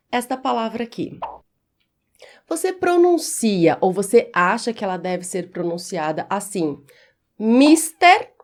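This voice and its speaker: A woman teaching Portuguese pronunciation in a video lesson, speaking clearly and quizzing the viewer. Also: mid-range voice.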